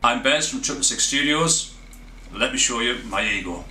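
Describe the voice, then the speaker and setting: A man presenting a tattoo machine he designed, in steady product-promo narration. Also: medium pitch, moderate pace. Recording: roomy promo with music behind. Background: music.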